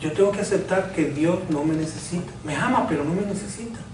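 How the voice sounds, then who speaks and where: A man's voice: high voice, fast, background noise. A man, a pastor preaching a sermon with repeated rhetorical questions and call-and-response. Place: church sanctuary. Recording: echoey church from far off.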